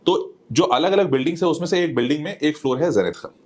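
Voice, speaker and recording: A man's voice: on the high side, fast, no room sound. A man hosting a casual campus tour vlog, talking freely in a mix of Hindi and English as he walks around a university campus. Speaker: educator and vlogger host.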